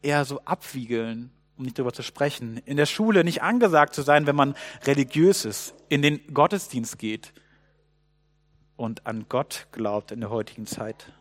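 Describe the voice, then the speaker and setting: A man preaching a sermon, telling a Bible story with lively swings between loud outbursts and hushed asides. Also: mid-range voice, normal speed.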